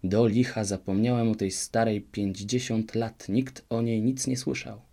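A fairy-tale king fusses politely and frets in a storybook reading. A man reads him in a lowish voice close to his own. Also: steady tone, a little slow, creaky, mellow. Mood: flustered. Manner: courteous and flustered.

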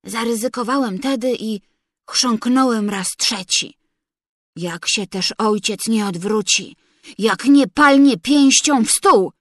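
A woman reading a story aloud as narrator, in an unhurried, measured storytelling manner. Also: fairly high pitch, no room sound, clean studio sound. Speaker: audiobook reader. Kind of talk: literary narration.

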